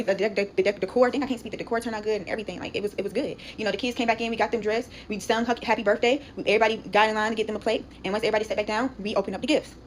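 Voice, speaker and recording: A woman's voice: a little high, a little hiss or hum, low-quality recording. A young woman, telling a long storytime in chatty casual talk, often asking "you get what I'm saying?", recorded on a phone.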